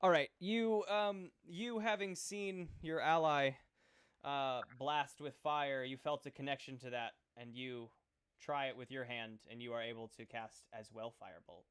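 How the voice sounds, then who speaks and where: A man's voice: medium pitch, steady tone, a bit bright, clean tone. A man running a tabletop role-playing game, talking casually with many fillers and restarts. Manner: halting, full of fillers, casual. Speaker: game master.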